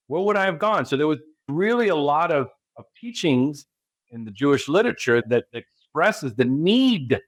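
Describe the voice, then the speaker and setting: Here, a Californian man with an American accent talks in a mid-range voice with no echo around it. Being interviewed as a spiritual guide, he speaks with emphasis and keeps throwing out rhetorical questions.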